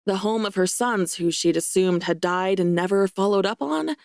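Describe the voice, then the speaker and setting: Casting: a wry, lively woman narrating a romance audiobook, mid pitch, dry close mic. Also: moderate pace, creaky, no echo. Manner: wry, lively and self-mocking.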